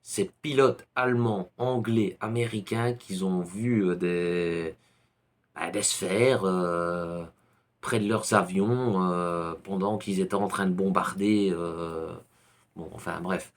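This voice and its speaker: A man with a Belgian French accent talks through his book picks in a slightly low voice. He moves at a slow, unhurried pace, rambles and pauses often on fillers while hunting for his next thought. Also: fairly even intonation. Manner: rambling, many hesitations and fillers. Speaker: YouTuber reviewing books. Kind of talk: casual book recommendations.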